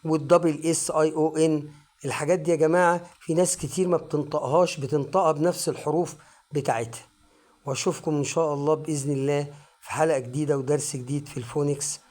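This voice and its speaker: A man with an Egyptian Arabic accent teaching English pronunciation online, repeating each word slowly and giving its meaning. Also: a little high, fairly even intonation, a little mellow. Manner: slow drilled word-by-word repetition. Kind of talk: online phonics lesson.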